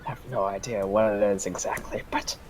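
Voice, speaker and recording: A man voicing a gruff old sailor adventurer with slow, piratical talk and a gravelly voice. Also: on the low side, flat delivery, pitched below the performer's own voice, natural voice. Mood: probing. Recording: faint background noise.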